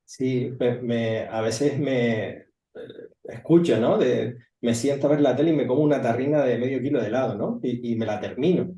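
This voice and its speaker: A man hosting an interview, asking slow, hesitant questions with restarts. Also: mid-range voice, mellow, muffled recording. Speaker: interviewer, host. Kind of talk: conversational interview. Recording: roomy, distant from the mic.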